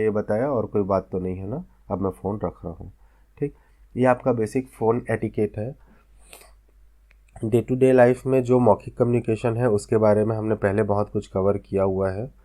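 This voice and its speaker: A man from India teaches a vocational class in a fairly low, slightly mellow voice. His classroom lecture proceeds step by step, and he frequently checks that the students are following.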